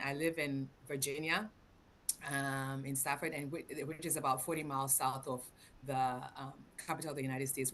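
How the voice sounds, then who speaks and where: Presenting as a guest on a video call, a woman from Ghana in her forties speaks with a bass voice. She's lively, with frequent laughter mixed in among her fillers.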